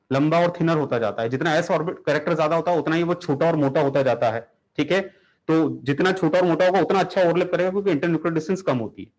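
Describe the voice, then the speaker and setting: A man with a high voice gives a chemistry lecture, acting out the molecules and scolding them like lazy students. His delivery is theatrical and animated, slipping between Hindi and English. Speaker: chemistry teacher.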